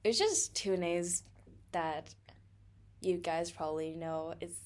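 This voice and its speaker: A young adult woman from Thailand co-hosts a casual podcast, speaking slowly in a lowish voice. She's chatty, laughs often, and uses lots of fillers.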